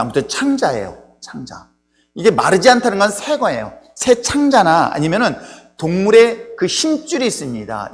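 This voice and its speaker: A male pastor preaching a sermon, telling the story with humorous asides to the congregation. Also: a little high. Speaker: senior pastor. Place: church sanctuary. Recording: long reverb in a church hall, faint hum.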